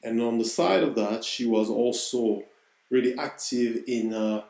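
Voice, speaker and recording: A man's voice: mid-range voice, measured pace, vocal fry, a little mellow, echoey room, rough recording. A man with a French accent, hosting a podcast and telling a personal story in an earnest, reflective way. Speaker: podcast host.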